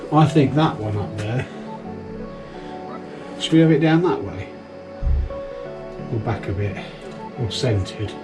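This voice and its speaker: This British vlogger's voice is on the low side, with lively intonation, and he talks slowly, pausing often, over music. Hosting informally like a livestreamer, he's playful and frequently seems to be thinking aloud to himself.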